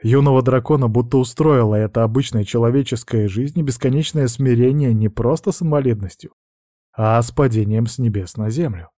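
Mellow male audiobook narrator. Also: medium pitch, fairly quick, no room sound, studio quality. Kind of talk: scripted narration.

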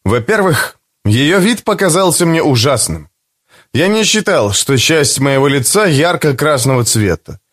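Male audiobook narrator, expressive, lively melody. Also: fairly high pitch, unhurried. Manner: emotional, dramatic. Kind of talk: expressive first-person literary narration.

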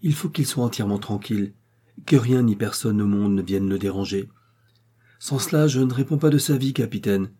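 A man playing a calm, sententious village doctor who explains slowly and deliberately. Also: fairly low pitch, lightly acted. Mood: grave.

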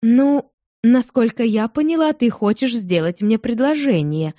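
Passionate young heiress, eager and insistent, lifted pitch, read by a woman. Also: expressive, measured pace, warm tone, no echo, studio quality. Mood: ardent. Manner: eager, emphatic. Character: young woman of twenty-one, ardent heiress in love.

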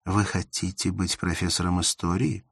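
A man's voice: low-pitched, little pitch movement, normal speed, creaky, fairly bright tone, breathy edge, dry recording, studio quality, exaggerated voice. A man reading aloud voices a serious young woman who asks pointed, cool questions. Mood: curious.

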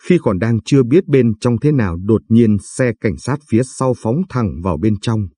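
A man reading a dramatic first-person story in a steady, earnest narration. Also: mid-range voice, normal speed, breathy edge, no echo, studio quality.

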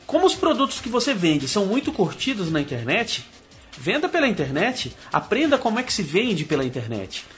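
Lively high-pitched Brazilian radio advice man. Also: a little fast, faint music behind. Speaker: radio sales advice host. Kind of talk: scripted advice segment.

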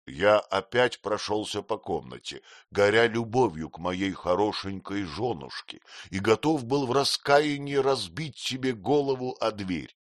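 Low-voiced man narrating a novel. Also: animated, a little slow, few pauses, no room sound, clean studio sound. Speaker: audiobook narrator. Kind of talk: first-person literary narration.

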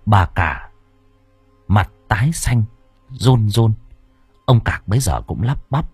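Man, audiobook narrator, wildly swooping intonation, low husky voice, dry close sound. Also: slow, no room sound, soft background music. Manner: expressive, dramatic. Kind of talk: dramatic storytelling.

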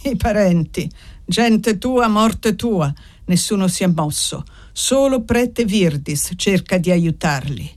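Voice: mid-range voice, animated, takes it slowly. Old grieving servant, read by the narrator.

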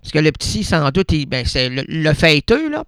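A man's voice: on the high side, big pitch swings, moderate pace, a bit bright, clean tone, no room sound, clean studio sound. A man from Quebec with a Québécois accent hosting a radio show, rambling through absurd wordplay and frequent self-corrections. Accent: Québécois French. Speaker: radio host. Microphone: radio studio microphone.

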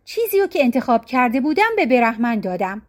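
A woman's voice: on the high side, sing-song. A woman voicing a shrewd male villager who defends himself before a ruler, in a storybook reading. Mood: earnest.

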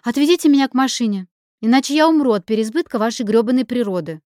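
A woman's voice: medium pitch, expressive, a little slow, a little mellow, no echo, studio quality. A woman reading an audiobook and voicing an impulsive young woman in love who exclaims, pushes and swears. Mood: excited, pushy.

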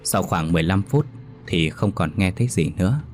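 A man narrating a ghost story in a slow, measured storytelling voice. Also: deep voice, expressive, darkish tone, faint music behind. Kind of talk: scripted horror story narration.

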